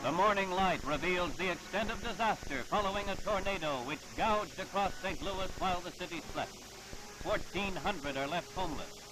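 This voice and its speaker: A man with a high voice narrates an old archival newsreel in the formal, dramatic style of a 1950s announcer. Music plays clearly under his words. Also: normal speed, poor audio. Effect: old archival newsreel sound.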